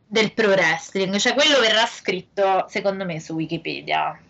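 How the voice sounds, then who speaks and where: A woman's voice: medium pitch, normal speed, gravelly, a bit bright. A woman co-hosting a podcast over a shaky internet call, chatting in an opinionated, teasing way, her voice on a lo-fi line. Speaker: podcast co-host. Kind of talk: casual chat about wrestling.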